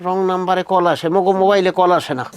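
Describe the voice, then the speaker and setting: A man's voice: sits high, fairly even intonation, clear, resonant tone, lightly acted. A man playing a hot-tempered village husband. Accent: rural Bangladeshi Bengali. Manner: blustering, quick to threaten. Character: short-tempered middle-aged village husband. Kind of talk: comedy drama acting.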